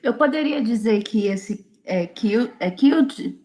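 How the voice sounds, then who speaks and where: Hesitant slow-talking woman student. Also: a little high, lively intonation, dark tone. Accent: Brazilian Portuguese. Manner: hesitant, unsure question.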